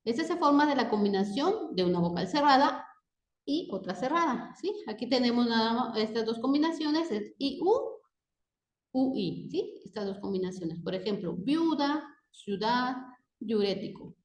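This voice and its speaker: A woman's voice: on the high side, expressive, moderate pace. A woman teaching a grammar lesson. She reads example words one at a time and checks in with a rising "¿sí?" after each point. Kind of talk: slow spoken grammar lesson. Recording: echoey room.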